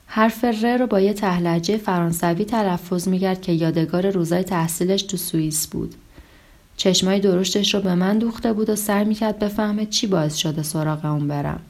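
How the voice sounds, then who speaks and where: A woman narrating a translated story in a calm, even reading voice, lightly voicing the dialogue. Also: on the low side. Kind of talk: scripted audiobook narration.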